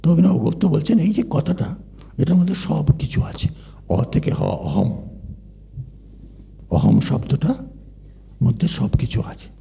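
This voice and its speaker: A man's voice: a little high, big pitch swings, measured pace, creaky, long pauses, mellow. An older man giving a philosophy lecture in a discursive way, stopping to ask the audience questions.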